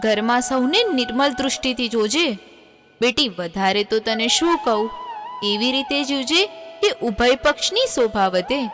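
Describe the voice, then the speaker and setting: An actress playing a loving queen mother who tenderly gives her daughter advice in a soft, tearful voice. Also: fairly high pitch, expressive, unhurried. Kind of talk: devotional audio drama. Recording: long reverb, music underneath.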